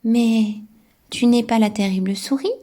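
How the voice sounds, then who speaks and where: A woman's voice: a little high, fairly even intonation, measured pace, mellow. A woman voicing a curious, plucky young monster boy in a childlike voice, reading a storybook to a toddler. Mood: puzzled.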